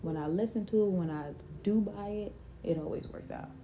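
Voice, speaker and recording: A woman's voice: mid-range voice, normal speed, highs cut off, a little hiss or hum. A young adult woman, hosting a casual faith-centered vlog and chatting animatedly to her viewers. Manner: animated, talks to viewers as "y'all". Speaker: vlogger and podcast host.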